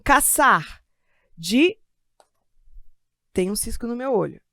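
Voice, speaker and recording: A Brazilian woman leads an online Portuguese lesson for exam students, chatty and quick to joke about herself. Her voice sits a little high, and the sound is close and dry with no room echo. She slows down and stretches the words she wants the class to remember. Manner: lively, stretches key words slowly for emphasis; chatty asides and self-joking humor. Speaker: Portuguese teacher for exam prep. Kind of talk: live online grammar lesson. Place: studio with a desk of computers.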